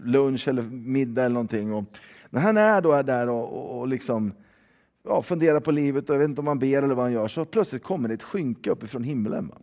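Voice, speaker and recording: A man's voice: medium pitch, lively intonation, a little mellow. Conversational male preacher in a reverberant hall. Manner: conversational, frequent fillers and tag questions. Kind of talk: sermon.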